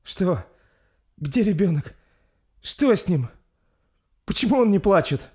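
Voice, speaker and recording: A man voicing a young princess in labour, with a frantic, strained, high voice. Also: big pitch swings, takes it slowly, darkish tone, full character voice. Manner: frantic high-pitched screaming.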